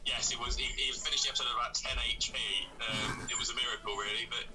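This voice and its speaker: A man's voice: fairly even intonation, fast. Hesitant man on a crackly stream line. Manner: hesitant, with many fillers and repeated words. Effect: crackly, low-quality remote call line. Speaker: guest commentator. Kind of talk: casual chat over gameplay. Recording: crackly distant call line with loud music behind.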